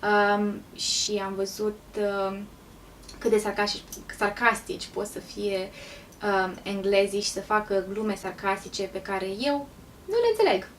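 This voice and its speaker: A woman's voice: mid-range voice, recorded from a distance, slight background noise. Chatty vlogging woman from Romania, mic a little off. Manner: chatty, pauses with frequent ums. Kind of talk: casual vlog storytelling.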